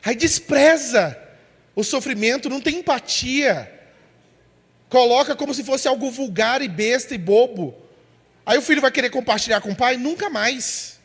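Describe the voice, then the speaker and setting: A man delivers a sermon in a bright, high voice. He is emphatic and direct, calls listeners "brother" and acts out the people in his examples. His words carry a long reverb from a church hall. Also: breathy edge. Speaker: preacher.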